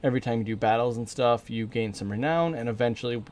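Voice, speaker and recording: A man's voice: medium pitch, quick pace, darkish tone. American man casually commentating a game stream. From northern Minnesota, USA. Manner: rambling, informal, thinking aloud.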